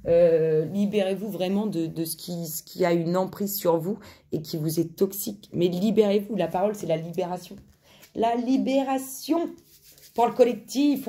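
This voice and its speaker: A woman hosts an informal card reading in a mellow, relaxed voice. She chats to her viewers and murmurs questions to herself and the cards. Short phrases often come back in repetition. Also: mid-range voice. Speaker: tarot and oracle card reader, host.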